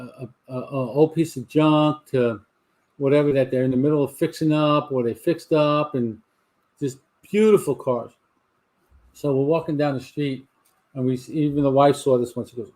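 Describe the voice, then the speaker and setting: A man's voice: a little high, darkish tone. Rambling sixty-something Southern man. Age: 60s. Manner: rambling storyteller with frequent restarts. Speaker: host of a livestream cigar talk show. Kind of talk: casual chat to a live audience. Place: home garage.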